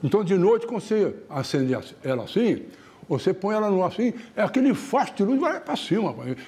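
A man's voice: high voice, sing-song, fairly quick, dark tone, pitched above the performer's own voice. A man voicing a rustic hunter who speaks proudly and matter-of-factly about his lantern.

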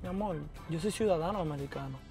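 A man's voice: fairly high pitch, quick pace, music in the background. A man in his twenties, flirting and joking defensively in casual banter. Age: 20s. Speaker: content creator.

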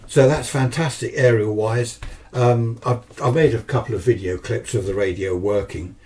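In a cluttered home radio workshop, an older man in his 60s or 70s with a southern English accent presents a video as an amateur radio hobbyist. His voice is medium-pitched, a little mellow, and moves at normal speed. He chats casually through an unscripted demonstration, rambling with small asides and questions to himself.

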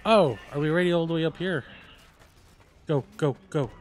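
A man's voice: fairly high pitch, moderate pace. A man casually commenting while he plays a game on a live stream, chatty, exclaiming and laughing during fights, humming bits of tunes.

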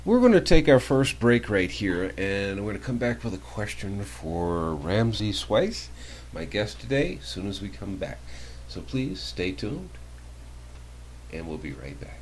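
A man hosting a talk radio show, asking his guest measured, leading questions. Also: lowish voice, sing-song, slight background noise.

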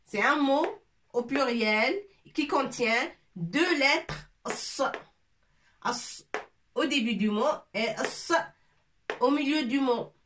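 A woman teaches letter sounds slowly, repeating each one and checking that students follow. Her voice is bright and slightly high. She sounds set back from the microphone. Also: a little hiss or hum. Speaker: Arabic teacher. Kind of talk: slow whiteboard language lesson. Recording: voice from a distance.

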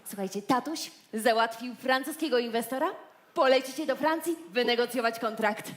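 A woman in a stage comedy sketch, playing the boss's daughter who briskly hands out orders. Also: a little high, a little hiss or hum.

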